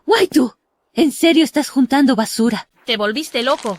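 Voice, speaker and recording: A woman plays a scornful young anime girlfriend with a high voice. She is whiny, greedy and demanding. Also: lively intonation, normal speed, slight background noise.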